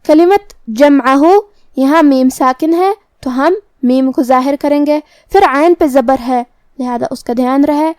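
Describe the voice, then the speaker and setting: A woman with a high voice teaches the rules of Quran recitation. She goes through each letter in a calm, methodical way. The recording is dry and close, with no room sound. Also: no room sound. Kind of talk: tajweed lesson, explaining rules.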